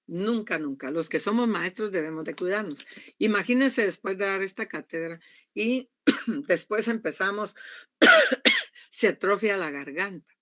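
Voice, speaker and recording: A woman's voice: fairly low pitch, fairly bright tone, no room sound, studio quality. A woman giving a university lecture, speaking emphatically and often stopping to check that her students are following. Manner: emphatic, keeps asking "¿verdad?" to check understanding. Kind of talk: classroom lecture.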